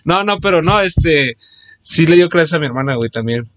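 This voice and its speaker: A man's voice: on the high side, expressive, normal speed, fairly bright tone, no room sound. A young man with a Mexican accent chatting casually, full of slang, telling school stories. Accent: Mexican Spanish. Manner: slangy, says "güey" constantly, laughs as he tells stories. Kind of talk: casual chat.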